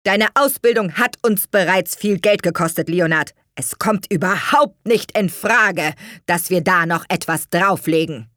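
A woman's voice: on the low side, a little slow, a bit bright, dry recording, studio quality. A woman voicing a stern, proud, scornful wealthy father in an audiobook reading, harsh and scolding.

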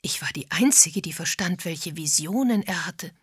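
A woman reading an audiobook, voicing a timid, tearful wife who talks in a wistful, hushed way. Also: on the low side, animated, moderate pace, husky, no echo, studio quality. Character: timid, tearful middle-aged village wife.

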